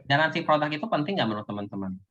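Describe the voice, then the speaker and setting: A man giving a casual sales coaching talk, lively, acting out sales pitches to his audience. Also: rapid-fire. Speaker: business presenter. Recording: dull lo-fi recording.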